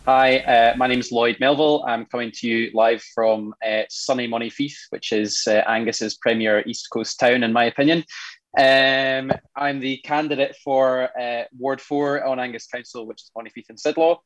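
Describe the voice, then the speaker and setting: A man's voice: mid-range voice, fairly even intonation, moderate pace. A young adult man, a council candidate, giving confident, lightly joking panel answers.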